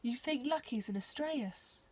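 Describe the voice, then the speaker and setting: A huge horned male alien, gentle under his bulk, talks in halting, sorrowful phrases, as a woman reads him. The voice is pitched up and pushed louder than plain narration. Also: animated, breathy edge, full character voice. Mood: troubled.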